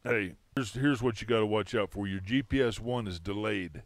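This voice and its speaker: A low-pitched man with a blunt way of talking gives practical boating advice and tells a story from an old trip. The sound is dry and close to the mic. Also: moderate pace, no echo. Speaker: fishing charter captain and co-host. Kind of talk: casual chat.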